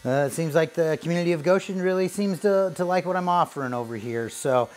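Speaking fast in a fairly high-pitched voice, a man in his thirties chats through a casual interview while he cuts hair. He owns the barbershop, and the recording is from its basement. His tone is earnest and grateful, packed with fillers.

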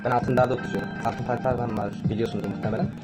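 A man's voice: mid-range voice, steady tone, rough recording. A man in his twenties, a live streamer, chatting casually with his viewers and muttering slangy asides to himself as he types. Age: 20s. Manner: fast, slangy, mutters to himself while typing. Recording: loud music playing behind the voice. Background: loud music.

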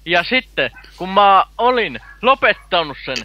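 A man chatting casually while gaming, rambling through halting explanations. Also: high-pitched, very animated, bright, forceful tone, highs cut off, slight background noise. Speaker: gamer.

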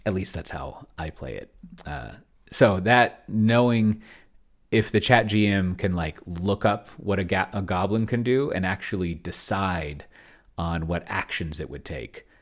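A middle-aged man with a low voice hosts an unscripted video walkthrough, speaking a little slowly into a desk microphone close to his mouth in an indoor room at home. He thinks aloud in a rambling way, often trailing off mid-thought to start another.

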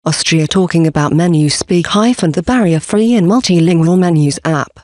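A man giving a scripted presentation for a company, reading slide contents and symbols aloud in a steady, even delivery. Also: on the high side, normal speed, dry recording, clean studio sound.

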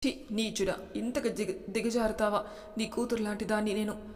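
A woman's voice: medium pitch, steady tone, normal speed, lightly acted. A woman voicing a young wife and mother in distress, pleading and tearful, close to her own voice. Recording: long reverb.

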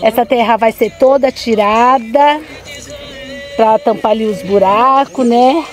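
A woman's voice: a little high, measured pace. A middle-aged Brazilian woman with a cold and sore, swollen throat, chatting affectionately to viewers as she narrates a casual vlog. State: congested voice from a cold and inflamed throat. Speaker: vlogger. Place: outdoors on a construction site.

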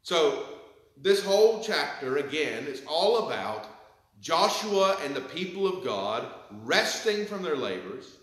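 A man in his thirties preaching a sermon from a pulpit in a church sanctuary, with measured delivery. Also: on the high side, big pitch swings, fairly bright tone, very echoey, low-quality recording. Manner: measured preaching, reads scripture with rising emphasis. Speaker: pastor. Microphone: pulpit mic, far camera.

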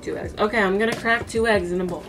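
A cooking vlogger in her twenties from the US East Coast chats casually to camera and thinks aloud while cooking in a small home kitchen. Her mid-range voice is steady and quick, captured from a camera a few feet away, far from the mic, with music in the background.

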